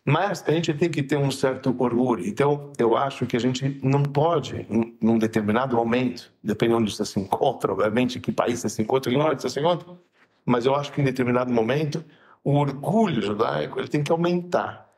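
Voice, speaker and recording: A man, a rabbi chatting casually on a podcast. He tells stories with energy and jumps up into high, shouted voices when he acts out what people said. His voice sits at an ordinary middle pitch for a man. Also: brisk. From Brazil. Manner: lively storyteller who acts out dialogue with sudden high shouts.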